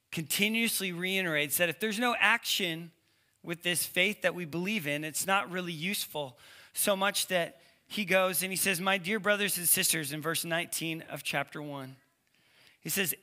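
A preacher and youth ministry leader with a lisp delivers a casual, conversational sermon, telling stories in an informal, slangy way. His voice is on the high side, bright and forceful.

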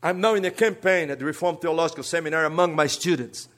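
This Brazilian man, speaking with a Brazilian Portuguese accent, is a guest preacher who also teaches at a seminary. His earnest sermon shifts between soft asides and emphatic rises, delivered at a quick pace in a voice on the high side.

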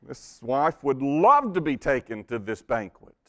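A pastor with a medium-pitched voice preaches a sermon a little slowly, telling stories with animated delivery. He often repeats words as he begins a phrase and drops to a hushed, intense tone for emphasis.

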